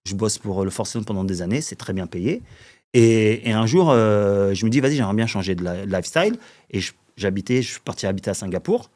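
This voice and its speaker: A podcast guest in his forties from the Paris suburbs tells long, rambling anecdotes in casual chat, using plenty of fillers and chuckling often. His voice sits on the low side, expressive, fast, and a little mellow.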